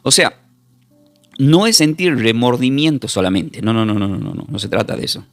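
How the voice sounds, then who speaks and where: A man, a pastor teaching a recorded Bible class in an emphatic preaching manner, repeating words and slowly spelling out terms. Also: medium pitch, very animated, gravelly, no room sound, soft background music.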